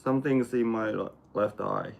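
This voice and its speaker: A Japanese man with a Japanese accent, chatting casually on a livestream and reading chat, often halting and correcting himself. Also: fairly low pitch, fairly even intonation, creaky, a little hiss or hum. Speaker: vlogger reading live chat.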